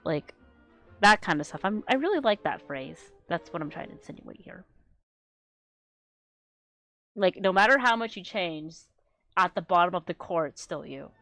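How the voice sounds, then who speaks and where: A woman streamer chatting casually with a low natural voice, rambling and swearing, often trailing off into quiet mumbles. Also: animated, moderate pace, no echo, soft background music. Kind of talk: casual livestream chat.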